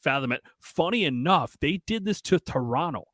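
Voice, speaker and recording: A man's voice: on the high side, lively intonation, normal speed, fairly bright tone, dry recording. Casual male co-host, profane banter, dry close mic. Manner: loose, profane, laughing banter. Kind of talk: casual sports betting chat.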